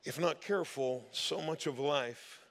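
A man's voice: a little high, unhurried, vocal fry, big-room sound. A man preaching a sermon as the church's pastor, telling stories in a casual, conversational way and acting out the people he quotes. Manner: conversational storytelling, acts out quoted voices.

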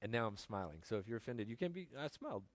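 A man preaching a sermon as pastor, animated, swinging from loud emphasis to quiet joking asides. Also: fairly low pitch, fast talker, no room sound.

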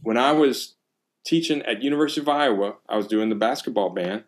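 A middle-aged man talking casually as a music teacher, animated and acting out exclamations while telling stories. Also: mid-range voice, brisk. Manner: animated storytelling, acts out exclamations. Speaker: percussion teacher. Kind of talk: casual conversation.

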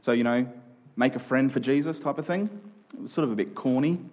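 A male preacher with a somewhat husky, average-pitched voice gives his sermon conversationally in informal, everyday phrasing. He hammers key phrases by repeating them and speaks a little fast, and the highs are cut off.

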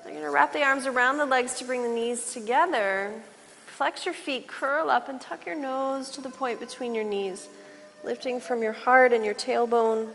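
A woman yoga instructor guiding relaxation slowly and calmly, with soothing, spaced-out instructions. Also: high-pitched, soft background music. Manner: slow, calm, soothing delivery with pauses. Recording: reverberant hall, clear background noise.

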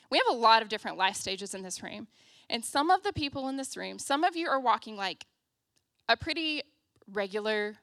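Bright-voiced young woman preaching casually. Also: on the high side, dry recording, clean studio sound. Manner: casual and self-deprecating, frequent "like" and "um"; prays in a soft, hushed voice. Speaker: guest preacher. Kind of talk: conversational sermon with opening prayer. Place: church stage in the round.

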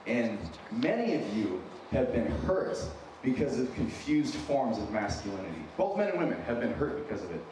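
A thirtysomething American man, born in San Diego and raised in Wyoming, preaches a conversational sermon with a faint Minnesotan lilt, informal, earnest and self-deprecating, repeating phrases for emphasis. His mid-range voice is sing-song, at a moderate pace with hardly any pauses. A distant mic catches him in a large, very echoey, noisy hall full of people.

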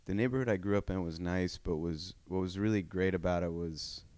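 A young man from North Carolina, guesting as a comedian on a casual podcast, tells rambling, laid-back stories full of fillers. His voice is deep, brisk and a little mellow, with no echo.

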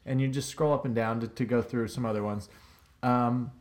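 A man co-hosting a casual podcast chat, explaining things in a relaxed, rambling way that trails off. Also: mid-range voice, moderate pace. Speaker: podcast co-host.

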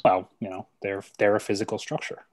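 A man with a fairly low voice chats casually as a co-host. He is dry and blunt, readily contradicting whoever he is talking with. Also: little pitch movement, a little fast. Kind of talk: casual chat.

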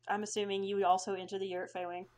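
A woman's voice: mid-range voice, level tone, fast talker, darkish tone. A woman narrating a tabletop game as game master, casual with many fillers.

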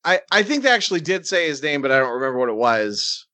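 A man co-hosting a podcast, chatting casually with quick, animated reactions. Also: a little high, no room sound. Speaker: podcast co-host. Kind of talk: casual chat.

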